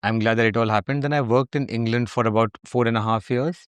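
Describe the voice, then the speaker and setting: A man's voice: mid-range voice, fairly even intonation, quick pace, clean tone, no echo. A man with an educated upper-class Indian accent, answering interview questions in a reflective, conversational way. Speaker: interview guest.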